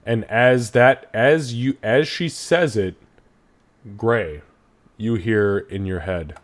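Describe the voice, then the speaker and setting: A man's voice: on the low side, takes it slowly, a little hiss or hum. A man acting as game master, casually narrating and refereeing a tabletop role-playing game.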